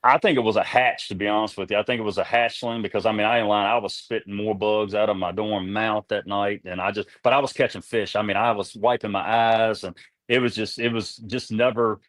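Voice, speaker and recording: A man's voice: on the low side, fairly even intonation, a little fast, a bit bright, dry recording. A man telling rambling fishing stories in a folksy way, repeating words as he goes, in a casual interview. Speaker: guest, tournament kayak angler.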